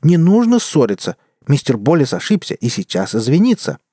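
A man's voice: fairly high pitch, huge pitch swings, moderate pace, dark tone, no echo, studio quality, pitched above the performer's own voice. A man doing a flustered, wailing saloon keeper. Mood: pleading. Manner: wailing, pleading. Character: flustered male saloon owner, pleading.

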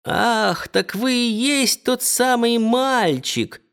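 A man reading an audiobook and voicing a deaf, fussy old woman innkeeper who talks slowly and shakily. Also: very high voice, a bit bright, clean tone, voice pushed up, exaggerated voice. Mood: wondering.

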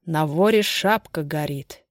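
A woman reading aloud, voicing a confident male private investigator who speaks in a cold, sharp, pressing way. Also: low-pitched, measured pace, no room sound, clean studio sound. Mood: menacing.

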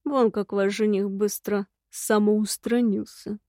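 A woman reading an audiobook voices a calm, commanding dark mage man who speaks slowly and quietly. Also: mid-range voice, no room sound, studio quality.

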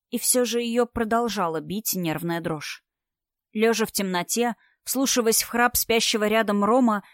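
A woman narrating a novel in an even, storytelling manner as an audiobook reader. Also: fairly high pitch, no echo, studio quality. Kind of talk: scripted narration.

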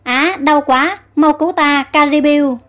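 A woman's voice: sits high, unhurried, fairly bright tone. A woman reading aloud as a queen who cries out plaintively in pain. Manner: crying out, plaintive.

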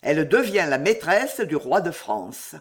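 A reader voicing a mysterious count in an audiobook, speaking in a measured, ominous way as he foretells grim things. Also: mid-range voice, big pitch swings. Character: mysterious count, calm prophet of doom. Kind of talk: audiobook reading.

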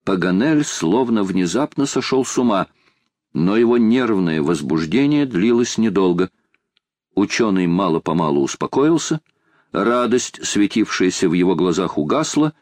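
A male audiobook narrator reading in a measured, even way. His voice is low. The recording is close and dry. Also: dry recording. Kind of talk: scripted narration.

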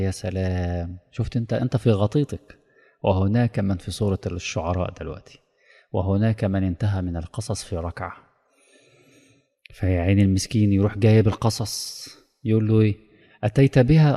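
Man, Egyptian accent, preacher, rapid delivery, warm dark tone, long reverb. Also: sits low, gravelly. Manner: lively storytelling that acts out dialogues. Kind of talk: religious lesson.

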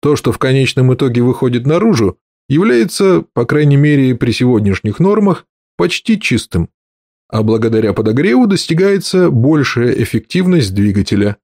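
A man reading an audiobook and voicing an angry middle-aged inventor with a slightly husky note, explaining at length. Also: medium pitch, big pitch swings, normal speed, a little mellow, dry recording, clean studio sound.

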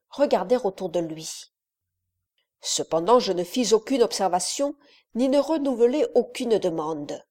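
A woman narrating a classic novel as an audiobook, in a measured storytelling manner. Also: medium pitch, warm tone.

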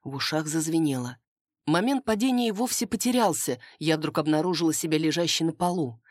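A woman narrating a first-person fantasy audiobook in a steady storytelling manner. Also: deep voice, a little fast, dry recording, studio quality.

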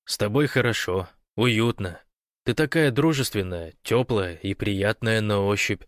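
A man doing a wry, gentle young man. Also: on the low side, measured pace, dry recording, clean studio sound, lightly acted. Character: young man, wry, tender with his wife.

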